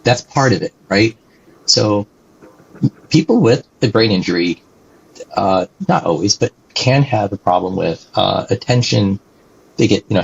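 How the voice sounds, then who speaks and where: This guest is a company executive whose voice sits on the low side, creaky with a breathy edge. In a dull, lo-fi recording, he gives conversational interview answers, explaining things with animation and tacking "right?" onto his sentences.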